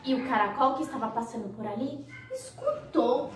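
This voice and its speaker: A woman's voice: on the high side, very animated, normal speed, roomy sound, distant mic. A woman, a nursery teacher, telling a children's story to toddlers in an exaggerated sing-song manner.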